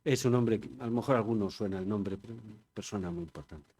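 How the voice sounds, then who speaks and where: A man's voice: on the low side, quick pace, warm tone, slightly rough. Older Spanish man, chatty and digressive. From Spain. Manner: chatty and digressive, asking the audience rhetorical questions. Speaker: conference speaker. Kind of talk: informal public talk.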